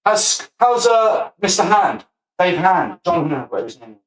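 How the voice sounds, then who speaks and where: A man's voice: sits high, big pitch swings, moderate pace, roomy sound, low-quality recording. A man, ranting profanely on a livestream and laughing often. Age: 40s. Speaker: streamer. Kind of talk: livestream rant.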